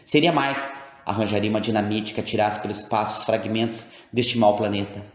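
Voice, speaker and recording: A man's voice: on the low side, a little fast, roomy sound, natural voice. A man reading the part of a proud, anguished queen, in grand, old-fashioned formal speech. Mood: bitter.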